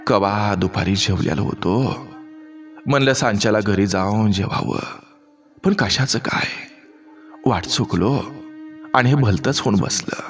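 A man's voice: fairly low pitch, faint music behind. Man voicing a frail, hurt old village man. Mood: pained, weary. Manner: slow, weary and pleading.

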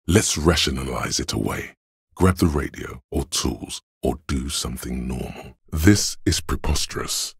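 Inside the player's head, a male voice of cold logic speaks in an exaggerated way, extremely low, husky and gravelly, analytical and condescending. Its delivery is measured, deliberate, dry and superior, with a scornful mood. It is recorded completely dry, with no echo or room around it.

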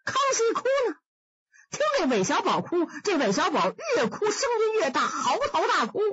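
A woman performing traditional Chinese storytelling, vivid and animated as she acts out the figures. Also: very high voice, normal speed, no echo. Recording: dull dry studio recording.

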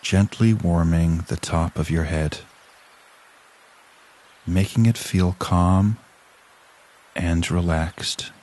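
Long pauses mark this man's measured narration of a scripted guided relaxation exercise. His low-pitched voice stays calm and soothing throughout.

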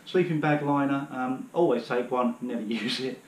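In a rough recording with a touch of hiss or hum, a medium-pitched man speaks at normal speed in a reverberant living room. He's a British outdoor gear vlogger in his thirties, kneeling on the floor and giving a rambling, filler-heavy demo of his hiking equipment to a camera placed a few metres away on the floor.

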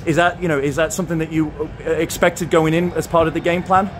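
A man's voice: on the high side, flat delivery, fast. A man interviewing as a sports reporter, articulate and complimentary. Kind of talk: interview questions and commentary. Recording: faint background noise.

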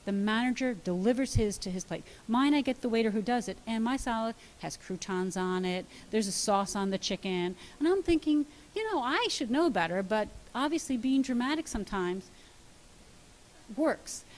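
A middle-aged woman dietitian giving a lively, practical talk to an audience, telling stories and acting out the dialogue with emphasis. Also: a little high, normal speed, low-quality recording. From United States. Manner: storytelling, acts out dialogue, emphatic. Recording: faint hiss.

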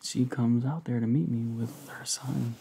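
A young man in casual, confiding pillow talk, telling a story in a soft murmur that drifts into a whisper. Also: medium pitch, steady tone, measured pace, vocal fry, a little hiss or hum. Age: young adult. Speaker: ASMR creator. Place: living room couch, indoors.

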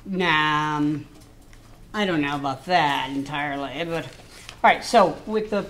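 A woman's voice: deep voice, a little slow, a bit bright, a little hiss or hum. A woman co-hosting a comedy cooking show, teasing her partners with puns while she cooks in a kitchen. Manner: teasing, playful, prone to puns. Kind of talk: jokey scripted-feeling banter while cooking.

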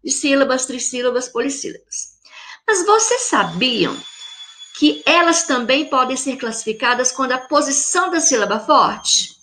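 A Brazilian woman teaching a video lesson to children, slowly sounding out words syllable by syllable in an affectionate teacherly tone. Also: sits high, animated, bright, forceful tone. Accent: Brazilian Portuguese. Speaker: primary school teacher.

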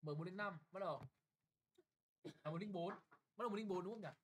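Young man, classroom exam tutor; brisk, blunt, keeps checking if students follow. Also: high-pitched, slight background noise, rough recording. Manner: brisk and bossy, often checking "got it?". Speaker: English tutor.

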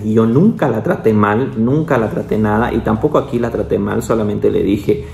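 A man's voice: creaky, dark tone, slight background noise. A young adult man, a doctor, telling a personal story in a casual vlog, chatty, with many little asides. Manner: chatty, peppers speech with "¿no?" and "o sea"; acts out quoted voices, with the pitch jumping up. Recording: roomy echo.

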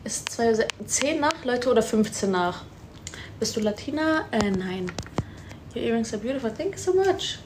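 A woman's voice: a little high, expressive, moderate pace, background noise. A woman of twenty-two, born in Afghanistan, chatting casually on a phone livestream, reading out viewer comments and answering them. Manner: chatty, switches between German and English, reads comments aloud and answers. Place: indoor room at home. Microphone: phone held close, front camera.

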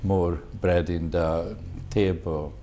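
Old hungarian guy in his 70s, super low mellow voice, talks slow and halting, lots of pauses hunting for words. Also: steady tone, slight background noise. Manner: halting, searching for words, polite. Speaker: veteran interviewee. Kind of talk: oral history interview.

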